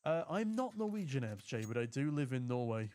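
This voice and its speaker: A man from the UK casting a community tournament live, chatty and getting excited on big plays, while reading out viewer chat. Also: medium pitch, fairly quick. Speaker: esports caster.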